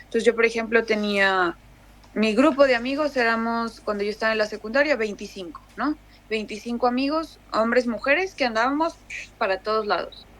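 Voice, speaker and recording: Brief: young woman, Mexican accent, relaxed chatty guest, restarts often. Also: on the high side, moderate pace. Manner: chatty, many fillers and restarts. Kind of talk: casual conversation.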